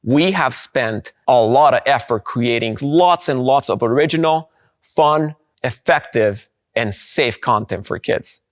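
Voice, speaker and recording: A man delivers a conference keynote in a mid-range voice. He is upbeat and slows down to land his key points. The sound is dry and close, with no room echo. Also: medium pitch. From Guatemala. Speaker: presenter of a product.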